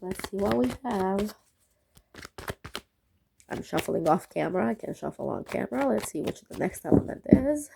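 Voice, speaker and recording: A woman's voice: medium pitch, lively intonation, normal speed, creaky, long pauses, heavy background noise. Sick woman giving a chatty tarot reading. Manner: chatty, keeps checking in with "okay?". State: sick, rough voice. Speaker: tarot reader. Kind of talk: casual tarot reading to viewers.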